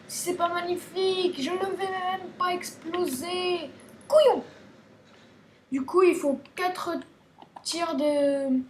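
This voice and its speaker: A woman hosting a casual game tutorial, chatty and playful, stumbling over restarts as she talks to her viewers. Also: high-pitched. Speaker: gaming video host. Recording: roomy echo, faint background hiss.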